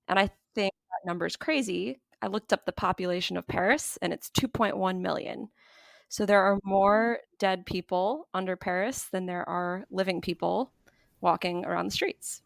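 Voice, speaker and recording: A woman hosts a podcast from a bedroom, laughing easily as she chats and tells a story. Her voice has a gravelly edge. The sound is dry and close. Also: lowish voice, no room sound. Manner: laughs often, relaxed telling. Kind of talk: casual chat and storytelling. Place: bedroom at her parents' apartment.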